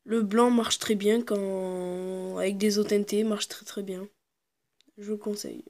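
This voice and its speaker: A woman casually presenting her fishing lures to the camera, hesitant and full of fillers, sometimes dropping into quiet asides. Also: mid-range voice, fairly even intonation, measured pace. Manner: hesitant, constant fillers and "voilà"; drops into quiet muttered asides. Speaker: fishing video maker.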